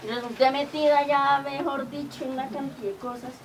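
An older woman from Colombia, telling lively stories from her community work, often acting out quoted dialogue. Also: high voice, a little fast. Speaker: community organizer. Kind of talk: storytelling. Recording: distant mic with clear background noise.

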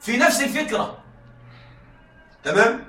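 High bright-voiced male teacher, echoey room. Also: very animated, far from the mic, faint music behind. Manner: keeps checking students follow, repeats key points; reads examples slowly and deliberately. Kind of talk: classroom lecture.

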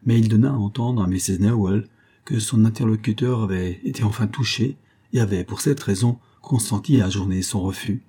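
A man narrating a classic novella in an even, literary reading. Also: lowish voice, fairly quick, breathy edge. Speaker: audiobook reader.

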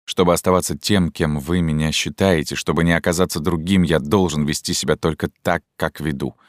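A weary, guarded middle-aged scientist, as read by a male narrator, slow and resigned in a very low voice. He speaks quietly and close, with a dry studio sound. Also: fairly even intonation, no room sound.

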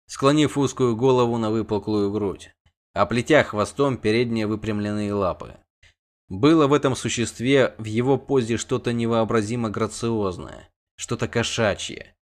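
Man narrating a fantasy audiobook. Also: on the low side. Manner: measured, descriptive reading.

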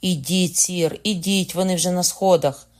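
A man's voice: sits high, steady tone, measured pace, voice pushed up. A man voicing a devoted young nobleman in an audiobook reading, urgent and pressing.

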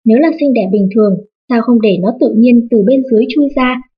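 A woman voicing an old, lame Taoist nun who scorns the family with mocking calm, in a storybook reading. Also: a little high, a little fast, husky, lo-fi sound. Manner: scornful, laughing at others.

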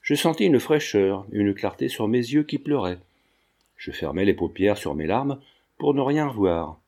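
A man narrating a literary novel as an audiobook, in a measured storytelling manner. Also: fairly low pitch, lively intonation, darkish tone. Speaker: audiobook reader.

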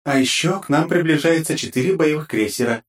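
A man's voice: a little high, brisk, voice pushed up, natural voice. Man voicing a polite, deferential young woman assistant.

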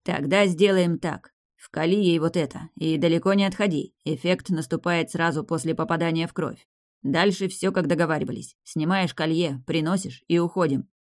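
A woman's voice: low voice, moderate pace. A woman voicing a ruthless scheming man who talks harshly through clenched teeth. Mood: harsh commanding. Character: ruthless scheming older male killer, hissing and gruff.

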